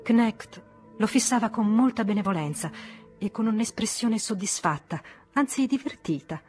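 A woman reading a literary novel aloud as an audiobook narrator, in an even, attentive storytelling manner. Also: fairly high pitch, normal speed, faint music behind. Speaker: audiobook reader.

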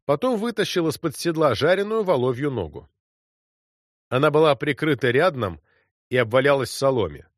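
A man reading a literary story as an audiobook, in an expressive narrating voice. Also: mid-range voice, no echo, clean studio sound.

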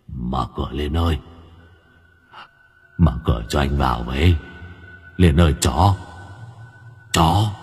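A man voicing a ghostly man who moans slurred, drawn-out pleas from outside a door. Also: rumbling low, husky, pitched below the performer's own voice, full character voice. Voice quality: slurred, grinding drawl. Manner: slow moaning pleas. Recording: long hall reverb.

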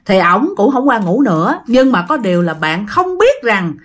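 A woman's voice: mid-range voice, sing-song, moderate pace. A woman with a Southern Vietnamese accent telling a spooky story in a chatty, casual way, talking straight to her listeners. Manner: chatty, addresses listeners directly. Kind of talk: casual ghost story narration.

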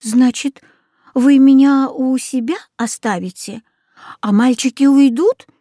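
A woman's voice: high voice, takes it slowly, dark tone, no echo, clean studio sound, voice pushed up. A woman voicing a frightened little girl in a storybook reading, pleading and tearful.

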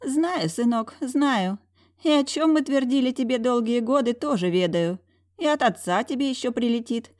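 A woman's voice: fairly high pitch, expressive, moderate pace, darkish tone, pitched above the performer's own voice, natural voice. A woman voicing a stern old dragoness aunt who scolds and grumbles at her nephew. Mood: scolding.

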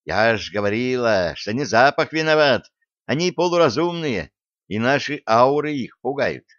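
A man voicing a feisty, mischievous young woman explorer who talks in a bold, excitable, cheeky way. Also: medium pitch, normal speed, no echo, natural voice. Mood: excited. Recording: dry, slightly dull audio.

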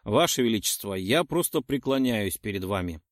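A man doing a loud cocky young gambler. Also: lowish voice, lively intonation, normal speed, dry recording, studio quality, natural voice. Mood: boastful, teasing. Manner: boastful, loud. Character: cocky young man gloating over winnings.

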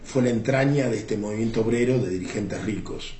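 With a warm voice on the low side, a 70-something Argentine man with a Rioplatense accent reflects on political history as an interviewee, unhurried and often stopping on "este." Faint background noise fills the roomy recording.

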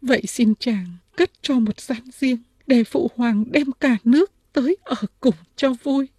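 A woman's voice: a little slow, a little mellow, breathy edge, no room sound, studio quality. A woman voicing a frightened young princess who pleads through sobs. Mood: pleading, tearful. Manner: high, pleading and sobbing.

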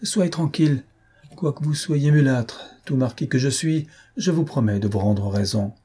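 A man voicing a jealous, furious young marquis who shouts in rage and scorn. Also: mid-range voice, moderate pace, husky, pitched above the performer's own voice, natural voice.

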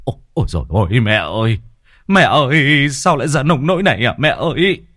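A man's voice: mid-range voice, huge pitch swings, drawn-out words, creaky, no room sound, studio quality, pitched above the performer's own voice, full character voice. A man voicing a grieving middle-aged village husband, trembling and wailing.

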